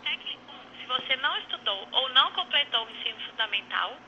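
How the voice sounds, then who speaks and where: A young adult woman reading automated phone survey prompts in a measured, even, announcer-like way, heard over a phone line. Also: high-pitched, slight background noise. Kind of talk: recorded phone poll prompts.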